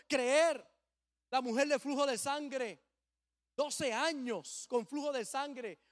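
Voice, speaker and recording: A man preaching a sermon as a pastor, swelling suddenly loud and acting out the people he quotes. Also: very high voice.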